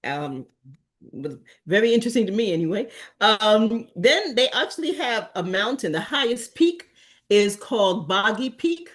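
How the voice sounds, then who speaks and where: A middle-aged woman from Antigua and Barbuda gives a casual, informal talk as a community presenter at an association meeting. Her mid-range voice is sing-song and fairly bright at normal speed, and her speech meanders with frequent ums and restarts.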